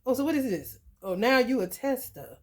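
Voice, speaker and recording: A woman ranting to her viewers in a blunt, profane, animated storytelling way. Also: on the high side, moderate pace. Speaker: vlogger. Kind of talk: profane rant to camera.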